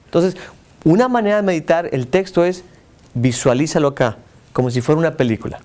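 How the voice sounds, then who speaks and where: A man leads a Bible class in a fairly high voice. He keeps turning to the group with questions. He leans hard on single words to make a point. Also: a little fast, darkish tone. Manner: asks the group questions and stresses words for emphasis. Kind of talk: interactive church teaching.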